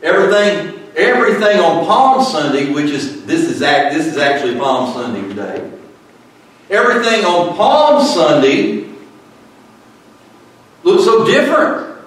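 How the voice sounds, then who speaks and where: A man preaching a sermon and reading scripture aloud, emphatic and deliberate, with short asides to the congregation. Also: fairly high pitch, expressive. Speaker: pastor. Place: church sanctuary. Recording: echoey hall, mic at a distance.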